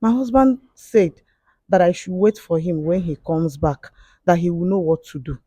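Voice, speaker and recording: Woman giving a halting confession. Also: fairly low pitch, warm tone, no echo, clean studio sound. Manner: halting, with frequent fillers and restarts. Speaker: confessing guest. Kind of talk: emotional spoken testimony.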